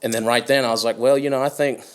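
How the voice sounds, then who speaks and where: A man's voice: medium pitch, steady tone, quick pace. A young man from Canada, a musician guest, telling stories in loose casual chat with many fillers. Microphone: podcast studio mic.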